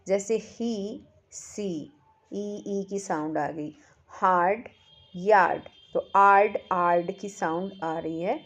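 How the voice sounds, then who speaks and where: A woman teacher, reading English workbook lines slowly and explaining them in Hindi. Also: mid-range voice. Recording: dull lo-fi recording.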